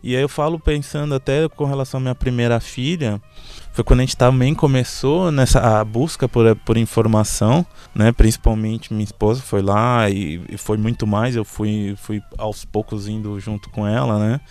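A man's voice: medium pitch, fairly even intonation, moderate pace, a little mellow. A man, talking as a panel guest in a casual discussion, searching for his words and repeating himself.

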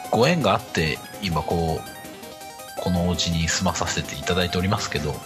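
Deep-voiced man in an echoey room. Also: moderate pace, music in the background. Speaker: podcast co-host. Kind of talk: casual chat. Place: home with open atrium, on internet call. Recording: echoey, reverberant high-ceilinged house.

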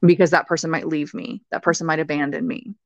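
A woman's voice: low-pitched, steady tone, quick pace, gravelly, no room sound. Intense, profane woman, dry sound. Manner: intense, profane, bursts into shouted quotes. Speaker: podcast guest, rage coach. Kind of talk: emphatic interview talk.

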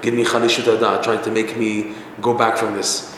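A man's voice: fairly low pitch, level tone, normal speed, a bit bright, distant mic, natural voice. A man voicing a stubborn, determined viceroy, insistent, in an echoey hall with faint noise.

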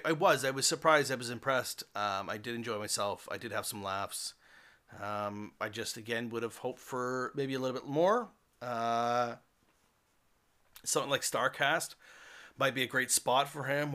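A man's voice: mid-range voice, bright, forceful tone. A man hosting a podcast alone, giving a casual, rambling review with many fillers and restarts. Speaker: podcast host.

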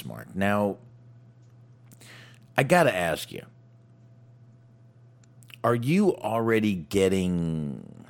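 A man co-hosting a wrestling podcast in casual chat, blunt and profane, rambling with frequent restarts. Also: sits low.

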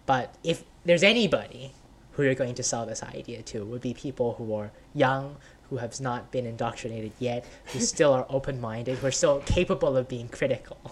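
A man's voice: medium pitch, moderate pace, slight background noise. Rambling man with constant "right?". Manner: rambling, many "right?", "like", "sort of" fillers, frequent laughs. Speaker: podcast guest. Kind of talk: casual conversation.

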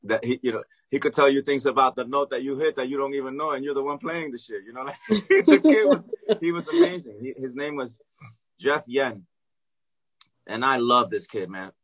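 A man who is a professor, telling a story in casual chat, animated and profane, acting out quoted dialogue. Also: medium pitch, moderate pace, low-quality recording. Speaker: professor who teaches music.

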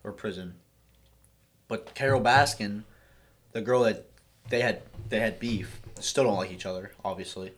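A young man co-hosting a podcast in casual chat, swearing often and trailing off quietly at the ends of his thoughts. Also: on the low side, moderate pace, a little hiss or hum. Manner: profane, rambling, trails off quietly. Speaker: podcast co-host.

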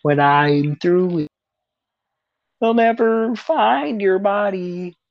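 A woman voicing a menacing villain, drawing out a gloating threat in a slow, exaggerated way. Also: mid-range voice, lively intonation, no room sound, dull audio. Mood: gloating menace. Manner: slow, drawn-out, gloating delivery.

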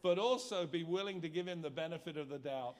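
Higher-voiced English man from London preaching. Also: fairly quick. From England. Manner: joking, playful, short phrases. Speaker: guest preacher. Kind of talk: sermon with live interpreter.

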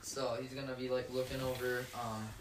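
A young man co-hosting a casual chat with friends, telling rambling stories and slipping into loud put-on voices. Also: mid-range voice, flat delivery, normal speed, roomy sound, far from the mic, slight background noise. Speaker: podcast co-host.

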